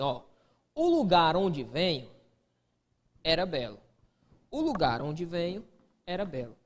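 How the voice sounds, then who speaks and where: A man's voice: sits high, a bit bright, big-room sound. A man teaching an exam-prep grammar lesson, posing students' questions to himself and answering them. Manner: answers imagined student questions, peppers speech with "ó".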